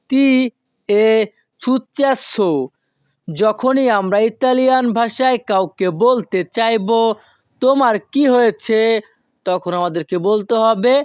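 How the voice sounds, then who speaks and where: A woman giving a scripted language lesson, speaking slowly and carefully and repeating each phrase several times. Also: a little high, no room sound, studio quality. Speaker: language teacher.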